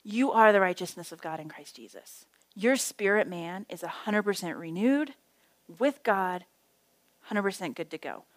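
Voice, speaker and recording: A woman's voice: mid-range voice, lively intonation, moderate pace, no room sound. A middle-aged woman teaching a small Bible study group in a chatty, self-deprecating way, telling stories with side remarks. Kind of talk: casual teaching talk. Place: small indoor group meeting.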